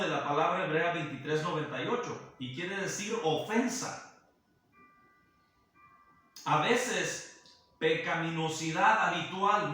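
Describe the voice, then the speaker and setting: A man preaching a sermon, speaking slowly and deliberately and often addressing his listener as brother. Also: a little high, sharp tone. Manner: slow and deliberate, repeatedly calling the listener brother. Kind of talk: sermon teaching. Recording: roomy echo, heard from a distance, faint music behind.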